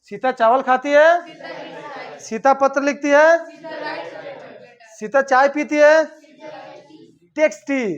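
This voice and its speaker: A man's voice: very high voice, dull audio. A male teacher giving a classroom grammar lesson, drilling example sentences and often checking that his students follow.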